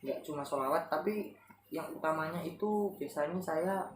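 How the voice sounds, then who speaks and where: A man from Central Java giving casual vocal tips as a singer, rambling and searching for words, often clearing his throat. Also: fairly high pitch, normal speed. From Kebumen, Central Java, Indonesia. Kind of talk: casual spoken tutorial. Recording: roomy echo, faint background noise.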